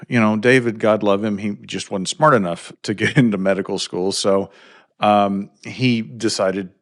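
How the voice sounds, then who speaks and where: Deep, gravelly podcast host. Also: male voice, steady tone, moderate pace. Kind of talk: casual interview chat.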